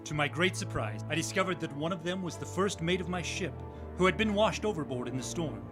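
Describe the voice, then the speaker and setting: A man's voice: a little high, fairly quick, over music, close to an everyday voice. A man playing a noble, defiant adventurer sailor in a radio drama, speaking in a grandiose, formal way. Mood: defiant, dramatic. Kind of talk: radio drama acting and storytelling.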